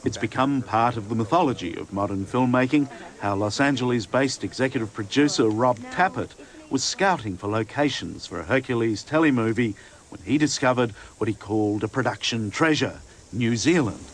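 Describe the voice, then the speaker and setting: A male TV reporter giving brisk, scripted documentary narration and asking questions. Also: mid-range voice. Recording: noisy broadcast recording.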